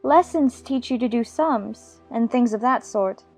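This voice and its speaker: A woman's voice: a little high, measured pace, darkish tone, husky, soft background music. A woman playing a prim, earnest, argumentative young girl in a dramatized storybook.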